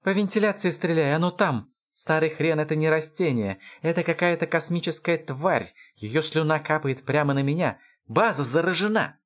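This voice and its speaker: A man voicing a paranoid, trigger-happy male alien soldier who talks in a hoarse, suspicious, accusing way. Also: on the low side, expressive, normal speed. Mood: panicked shouting.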